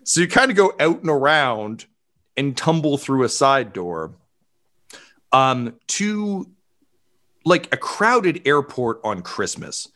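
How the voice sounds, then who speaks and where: A man narrating as game master of a tabletop game, relaxed, with lots of fillers and swearing. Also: mid-range voice, slow.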